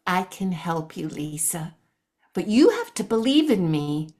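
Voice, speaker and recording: A woman's voice: lowish voice, very animated, a little slow, a little mellow. A woman playing a chatty, meddling Tooth Fairy in an improvised comic scene, over a video call. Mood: earnest. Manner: chatty, gossipy, nosy.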